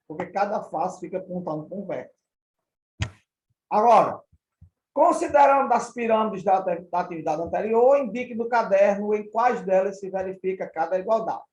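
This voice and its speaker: A man's voice: high-pitched, a little mellow, reverberant, rough recording. A male math teacher with a Brazilian Portuguese accent, patiently repeating and counting through each example step by step. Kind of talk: recorded classroom lesson.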